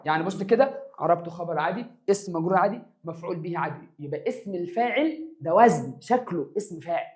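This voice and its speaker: A man's voice: high-pitched, quick pace. A man teaching an exam review of grammar in an Egyptian accent, stretching words for emphasis and answering his own questions. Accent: Egyptian Arabic. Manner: lively, stretches words for emphasis, calls students "my dears". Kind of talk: exam review lesson for secondary students.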